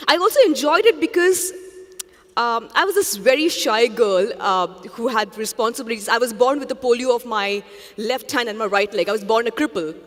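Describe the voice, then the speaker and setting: A woman from India, a journalist, answers interview questions on stage in an earnest, reflective way. Her voice is on the high side at a moderate pace, and the recording has long hall reverb.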